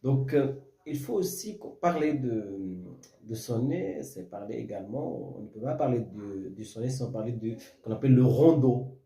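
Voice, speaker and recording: Male teacher, halting explanations, very dark mellow voice, roomy echo. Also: medium pitch, expressive. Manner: halting, many fillers and restarts, checks understanding with "d'accord?". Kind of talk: explaining French verse rules.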